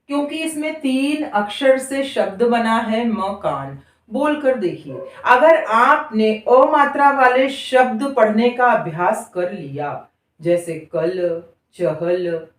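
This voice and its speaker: Woman teaching reading, stretches out each syllable, kinda high voice, echoey room from far off. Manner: drawn-out syllable-by-syllable sounding out of words. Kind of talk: slow spoken lesson.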